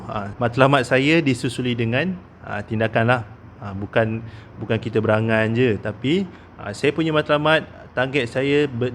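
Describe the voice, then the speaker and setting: Heard here is a thirty-something man with a Malaysian Malay accent, chatting informally about investments in his role as a consultant. He has a mid-range voice over a light hiss or hum, and his speech is full of "ah" fillers and "okey?" tags.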